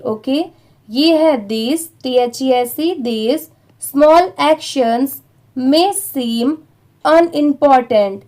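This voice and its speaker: A woman with an Indian accent teaching English reading, spelling words out letter by letter and then blending them, with slow, careful English reading. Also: high-pitched, mellow.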